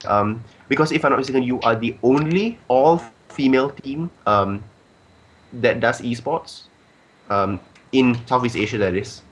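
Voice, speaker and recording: A man's voice: medium pitch, a little slow. A man hosting a casual podcast, rambling with many ums and filler phrases. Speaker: podcast host.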